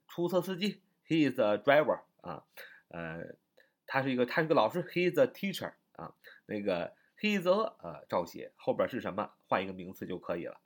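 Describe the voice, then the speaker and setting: A man teaching a spoken English lesson, explaining patiently, repeating phrases and using many fillers. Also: medium pitch.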